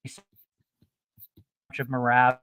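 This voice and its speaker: A man's voice: mid-range voice, monotone, takes it slowly, a bit bright, clear, resonant tone, no echo. A man giving blunt, filler-heavy picks over a remote call whose audio keeps breaking up on a bad connection. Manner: blunt, hesitant with many fillers. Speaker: guest betting analyst. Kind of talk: casual fight picks chat.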